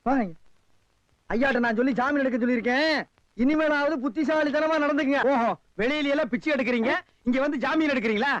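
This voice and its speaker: An actor playing a quarrelsome comic beggar, squabbling and mocking in a film comedy scene. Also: male voice, extremely high pitch, fast, no echo. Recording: dull dry old film audio.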